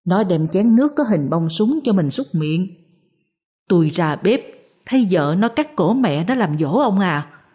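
A woman's voice: lowish voice, a little mellow, husky, exaggerated voice. A woman voicing a frightened, insistent older village woman in a spoken story, talking in urgent pleading bursts.

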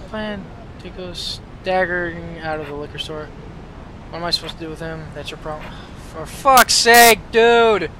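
A man's voice: fairly high pitch, noisy background. A man giving casual, sarcastic gameplay commentary with plenty of swearing. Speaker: gamer.

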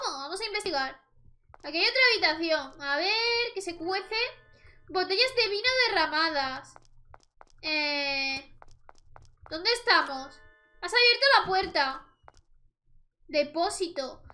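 A woman's voice: very high voice, sharp tone. A young woman with a Spain Spanish accent gives chatty gameplay commentary, exclaiming at the screen and talking to her viewers. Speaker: let's play host.

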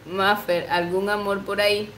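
A woman's voice: medium pitch, flat delivery, unhurried, a bit bright, reverberant, slight background noise, low-quality recording. A woman in her twenties chatting casually on a livestream, reading comments aloud, giggling often and cooing baby talk to her pet. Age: 20s. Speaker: livestream host.

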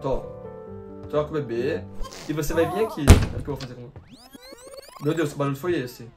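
A man's voice: on the high side, a little fast. A nineteen-year-old man with a Brazilian Portuguese accent doing slangy horror gameplay commentary, jumpy and panicky, shrieking and rattling off repeated words while talking straight to viewers. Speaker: gaming YouTuber. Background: game music.

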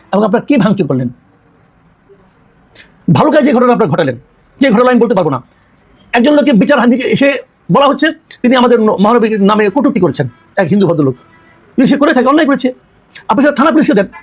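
A man giving indignant, accusatory political commentary, full of rhetorical questions. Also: very high-pitched.

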